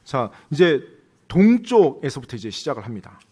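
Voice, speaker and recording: Lively man interpreting a sermon. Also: medium pitch, moderate pace, husky. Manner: lively, rising questions to the congregation.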